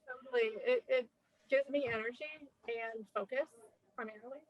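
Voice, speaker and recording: A woman's voice: fairly high pitch, fairly even intonation, moderate pace, no room sound, dull audio. A woman in her fifties, a guest chatting casually in an interview, talking with many fillers and restarts. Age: 50s.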